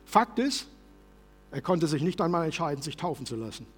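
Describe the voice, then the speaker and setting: A man preaching a sermon as pastor in a church service, passionate and shifting from loud to soft. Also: fairly high pitch, very animated, fairly quick, husky, in a large hall.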